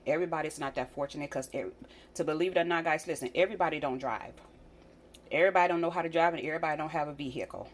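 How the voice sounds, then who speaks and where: An American woman vlogger talks rapid-fire in a low-pitched voice. She addresses her viewers directly, casually and earnestly, repeating phrases for emphasis.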